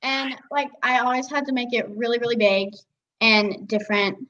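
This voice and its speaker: A teenage voice actress, appearing as an interview guest, chats casually about her work, giggling and filling her speech with "like." Her voice is fairly high and fairly bright at a moderate pace, and the audio is dull.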